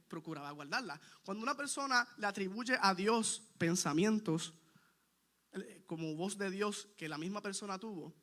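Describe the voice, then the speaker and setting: Bright, high-voiced man preaching a sermon. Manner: questions the congregation directly; earnest, emphatic preaching with repeated points.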